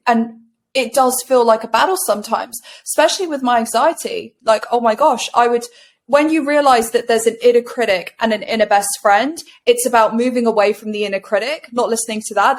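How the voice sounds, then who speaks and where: A woman coach in a casual interview, bubbly and animated, with a casual swear now and then. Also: a little high. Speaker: guest coach.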